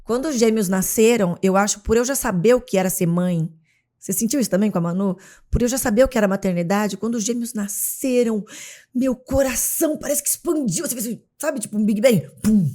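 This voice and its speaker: Her mid-range voice runs a little fast. This Brazilian mother of three, a guest on an interview show, speaks casually with a Brazilian Portuguese accent, an animated storyteller who performs the scenes she describes.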